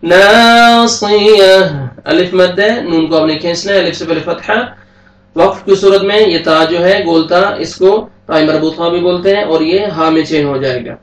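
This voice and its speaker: A man with a Pakistani Urdu accent teaching a tajweed lesson, slowly chanting verses and then quickly explaining the rules in a soft voice. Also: a little high, distant mic. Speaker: Quran teacher. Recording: echoey room, voice a bit off-mic.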